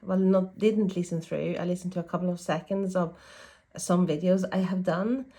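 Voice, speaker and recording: A tarot reader with a fairly low, dark voice talks at normal speed in a steady tone. She's casually reading cards while blocked up from a cold that's hung on, musing as she goes and correcting herself a lot.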